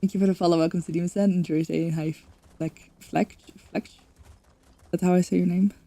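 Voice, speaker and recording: A Dutch woman from the Netherlands rambles casually while streaming a game, dropping in lots of fillers. Her voice is fairly low and mellow with fairly even intonation, and she talks fast.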